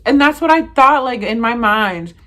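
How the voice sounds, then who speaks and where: A woman's voice: on the high side, normal speed. Chatty young woman telling a story. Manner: animated, lots of fillers and acted-out quotes. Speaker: vlogger. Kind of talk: casual storytelling to camera.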